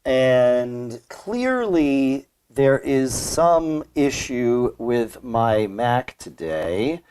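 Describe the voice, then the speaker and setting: A man co-hosting a casual tech podcast through a muffled laptop mic that makes him sound like he is at the bottom of a well. He talks in halting bits and restarts his sentences. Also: medium pitch, very animated, darkish tone, smooth. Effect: muffled laptop mic, like talking from the bottom of a well. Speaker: podcast co-host.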